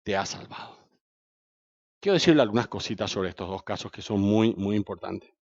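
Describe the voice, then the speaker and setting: A man with a Paraguayan accent preaching a sermon, telling stories animatedly, swinging from loud to hushed and asking the congregation questions. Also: on the low side, animated, quick pace, dry recording, lo-fi sound. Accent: Paraguayan Spanish.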